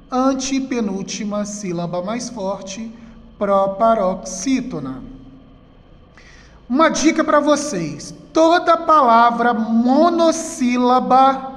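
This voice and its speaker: A Brazilian man teaching a recorded school lesson in front of a whiteboard, patiently repeating key words slowly and checking in with "tá?". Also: very high voice. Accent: Brazilian Portuguese. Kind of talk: recorded online class lesson. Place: classroom with a whiteboard. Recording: echoey room with long reverb.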